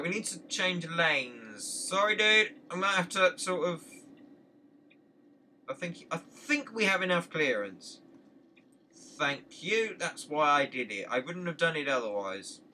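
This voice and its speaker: A man's voice: high voice, pushed and bright, distant mic, slight background noise. A young man chatting playfully to himself while playing a driving game. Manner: chatty, playful, talks to himself and other drivers. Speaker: gaming channel host. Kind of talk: casual let's play commentary.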